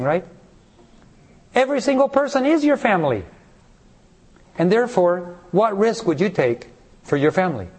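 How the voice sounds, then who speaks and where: A man with a fairly high voice delivers a sermon. He leans on rhetorical questions to the listeners and slips into short acted voices for the people in his stories. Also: darkish tone, slightly rough. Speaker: preacher.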